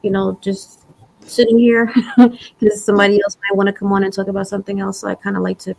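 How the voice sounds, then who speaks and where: A woman's voice: mid-range voice, flat delivery, brisk, creaky, darkish tone, rough recording. A woman with a Brooklyn accent hosting a casual livestream, chatting in a giggly, easygoing way. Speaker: host of a live prepping stream.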